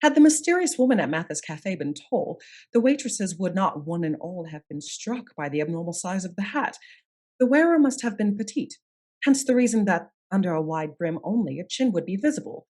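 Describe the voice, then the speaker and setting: A woman's voice: mid-range voice, big pitch swings, brisk, mellow. A woman playing a shrewd, assured lady detective in a period radio mystery, speaking formally and articulately as she sets out her case. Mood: calm, explanatory. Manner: articulate, formal, methodical accusing delivery. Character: shrewd, composed lady detective of Scotland Yard, commanding and assured.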